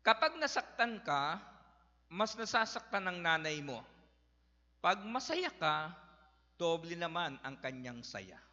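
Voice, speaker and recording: Folksy middle-aged guy preaching, bright sharp voice, kinda dull lo-fi sound. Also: on the high side, sing-song, slow, pauses often. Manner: folksy, addresses the congregation as brothers and sisters. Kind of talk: storytelling sermon. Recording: echoey hall, slightly dull sound.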